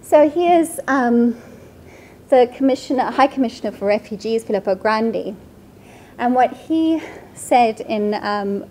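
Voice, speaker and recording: A Swedish woman in her thirties speaks at a seminar, walking the listeners through her slides. Her voice sits high and she keeps it chatty, often tagging her points with a quick "right?". A faint hum of the lecture room runs underneath. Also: a little mellow. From Sweden. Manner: conversational, frequent tag "right?". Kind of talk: academic talk with slides.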